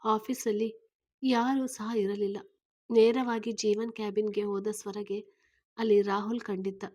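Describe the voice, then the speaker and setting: A woman reads a story aloud in a steady, plain manner. Her voice sits in an ordinary middle pitch for a woman. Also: a little slow. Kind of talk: storybook reading.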